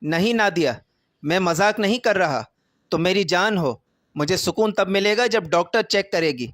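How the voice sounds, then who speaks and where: Earnest devoted young husband, firm, high-pitched voice, dry sound, played by a male narrator. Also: fairly bright tone, dry recording. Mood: worried.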